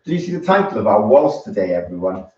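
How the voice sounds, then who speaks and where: A man's voice: lowish voice, big pitch swings, fast, darkish tone, slight background noise. A man teaching a live-streamed dance lesson, teasing his partner and counting the steps aloud. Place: dance studio. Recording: roomy, distant, dull camera sound.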